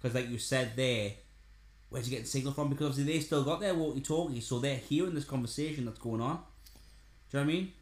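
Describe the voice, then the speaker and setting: A man's voice: mid-range voice, fast talker. Man, casual podcast co-host, roomy recording. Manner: chatty, repeats himself, frequent "aye". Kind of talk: casual film chat. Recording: roomy echo.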